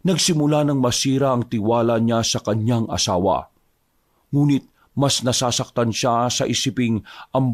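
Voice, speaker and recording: A man narrates a scripted horror story in a measured, steady manner. His voice sits at a middle pitch for a man.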